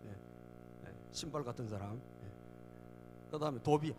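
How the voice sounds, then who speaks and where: A man's voice: medium pitch, unhurried, over music. A middle-aged man preaching a sermon in a church, repeatedly prompting the congregation and acting out mocking voices. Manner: asks the congregation "예?" again and again; acts out mocking enemy voices. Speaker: pastor. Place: church sanctuary.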